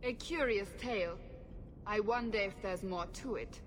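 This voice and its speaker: A woman's voice: medium pitch, a little slow, natural voice. A stern woman investigator, voiced by a woman, probing and skeptical. A faint ambient hum sits behind her, as in a fantasy video game.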